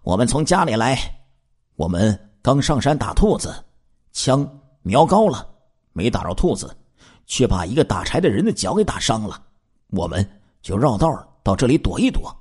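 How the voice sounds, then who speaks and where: A man voicing a cunning adult male fugitive in a spoken true-crime story, giving him a calm, steady tone. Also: medium pitch, moderate pace, breathy edge. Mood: calm evasive.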